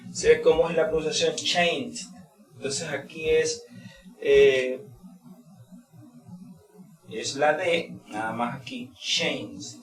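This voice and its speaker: A man's voice: fairly high pitch, recorded from a distance. Man teaching casually in a roomy space. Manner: hesitant, many fillers, repeats words slowly. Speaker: English teacher. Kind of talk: casual spoken lesson. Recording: roomy, off-mic, crowd behind.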